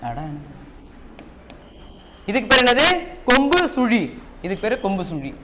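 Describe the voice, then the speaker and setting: A man's voice: extremely high pitch, very animated, a little slow. A man teaching a Tamil class with a Tamil Nadu accent, repeating key points and quizzing his students. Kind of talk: classroom lesson. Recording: noisy classroom recording.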